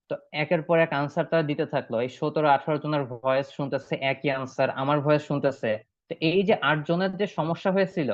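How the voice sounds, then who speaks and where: A man with a slightly high voice teaches an online class, walking through points one by one and repeating short phrases slowly so students can copy them. The sound is dry and a little dull, like a video-call mic. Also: dry recording. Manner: explains step by step, repeats phrases slowly for drilling. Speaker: spoken English teacher.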